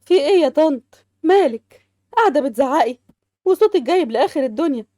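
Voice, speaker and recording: A woman with an Egyptian accent voicing sharp-tongued sisters-in-law who bicker in a home-made family drama. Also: high-pitched, expressive, fast, no echo. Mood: defensive. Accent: Egyptian Arabic.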